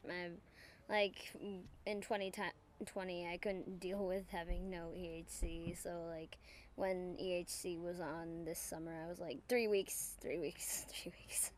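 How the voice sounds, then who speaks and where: A woman's voice: lowish voice, level tone, measured pace, a little hiss or hum. A young woman at a summer camp being interviewed as a guest, giggly and rambling, saying "like" a lot. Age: young adult. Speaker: camper guest. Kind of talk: casual interview.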